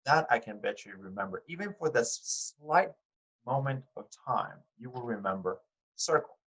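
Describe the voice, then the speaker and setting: This rough recording captures a recorded class lecture: a man teaching art in a fairly bright, mid-range voice, animated and at normal speed. Chatting with his students, he uses fillers and restarts and keeps asking them questions directly.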